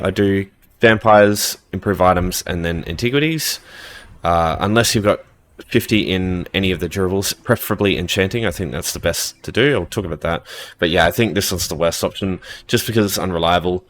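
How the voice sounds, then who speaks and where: A man's voice: low voice, a bit bright. A man hosting a casual game walkthrough, informal and rambling with many ums and uhs, and he is losing his voice. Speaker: game guide host.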